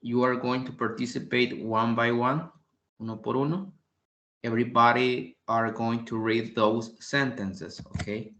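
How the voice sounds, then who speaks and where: A man teaching an online language class, repeating each word and explaining patiently, often clearing his throat. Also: medium pitch, steady tone, takes it slowly, sharp tone. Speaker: English tutor. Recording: echoey room.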